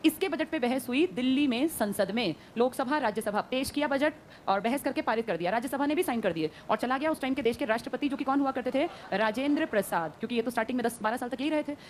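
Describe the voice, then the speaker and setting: Brisk woman teacher, quick-fire quizzing, high-pitched and fast. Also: animated, a little hiss or hum. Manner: brisk, quizzing students and answering herself. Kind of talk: classroom lecture. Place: classroom.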